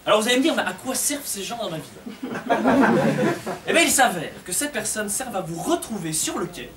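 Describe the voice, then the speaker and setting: Young man doing stand-up, high voice. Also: a little fast. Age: young adult. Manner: lively storytelling, acting out characters. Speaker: stand-up comedian. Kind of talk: stand-up comedy sketch. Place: café comedy stage with audience. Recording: echoey far-off room mic, loud crowd laughter and noise. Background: audience laughing.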